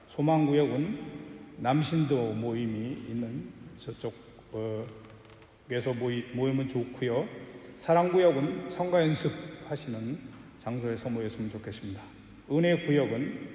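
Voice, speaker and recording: A man serving as a church elder, making formal announcements over a PA system in a sanctuary, measured and careful with brief hesitations. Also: mid-range voice, mellow. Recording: echoey hall with long reverb.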